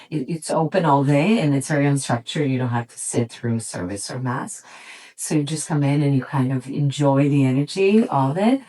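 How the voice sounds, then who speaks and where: A middle-aged woman from Serbia with a notably low voice talks through her answers as an interview guest. She is thoughtful and reflective, pausing and restarting often as she gathers her ideas. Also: mellow, rough recording. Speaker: yoga teacher and studio owner, guest. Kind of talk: relaxed conversational interview.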